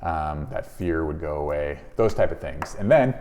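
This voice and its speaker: A man with a very deep, darkish, expressive voice speaks at a moderate pace over slight background noise. Acting as a chiropractor talking to camera for viewers, he gives informal instructional advice in plain everyday words, conversational and explanatory, voicing example questions and their replies. The room is very reverberant and echoey.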